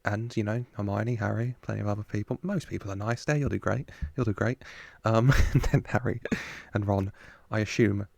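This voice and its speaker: A man's voice: fairly low pitch, fairly even intonation, normal speed, vocal fry, darkish tone, no echo. A man giving casual film reaction commentary as host, chatty and amused.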